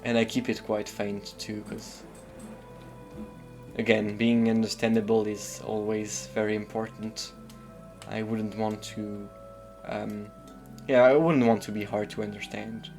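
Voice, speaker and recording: Faint music sits behind a lowish, gravelly, somewhat mellow voice that keeps a level tone and a slightly slow pace. The speaker, a French-accented streamer from the southern Paris suburbs, comments casually on a game and thinks aloud, hesitating often with fillers.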